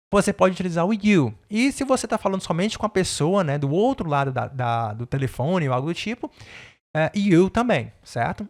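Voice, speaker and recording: A Brazilian man with a Brazilian Portuguese accent gives an online English lesson in a casual, chatty style, frequently checking in with viewers and spelling words out. His voice runs on the high side, picked up by a desk microphone.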